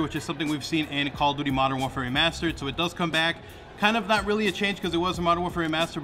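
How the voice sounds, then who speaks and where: A man's voice: a little high, sharp tone. A young man giving a casual, rambling gaming commentary full of fillers. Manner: loose, rambling with many fillers. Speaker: gaming YouTuber. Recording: music playing behind.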